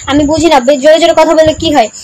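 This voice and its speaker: A young woman with a high voice talks loudly and repetitively on a livestream, reading viewers' comments and urging them over and over to share and follow. Her delivery is casual chatter, pushed to full volume. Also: steady tone, fast, poor audio. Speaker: livestream host.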